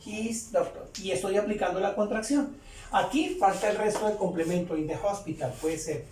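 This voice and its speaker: A man teaching English grammar step by step, repeating each example sentence slowly and patiently. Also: sits high, darkish tone, a little hiss or hum. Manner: slow, repetitive, explains each example twice. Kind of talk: step-by-step tutorial. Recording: roomy, distant mic with faint ambience.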